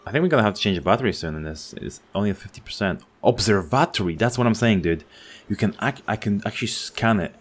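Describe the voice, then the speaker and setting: A man giving casual let's-play commentary, excitable and chatty as he thinks out loud while playing. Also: on the low side, fast. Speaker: gaming channel host.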